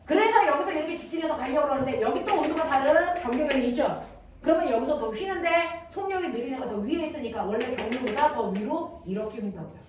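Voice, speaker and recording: Lady science teacher, blunt and teasing, keeps checking they get it, booming echo, noisy room. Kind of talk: classroom lecture. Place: classroom with students. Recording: echoey room, distant mic, noisy.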